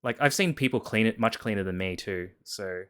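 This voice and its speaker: A man's voice: on the low side, brisk, fairly bright tone, clear, resonant tone. A man hosting a casual live stream chat, often repeating and restarting his words as he talks. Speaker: stream host.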